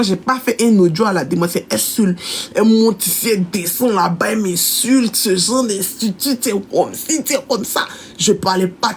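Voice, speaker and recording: A woman, a shop owner, telling a story in a casual, animated way and acting out the voices of the people in it. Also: medium pitch, slight background noise. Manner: animated, acts out quoted voices of her employees.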